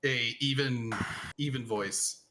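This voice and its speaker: A man's voice: medium pitch, fairly even intonation, slow pace, background noise. A man co-hosting a game stream, chatting in a playful, teasing way. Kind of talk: casual gaming stream chat.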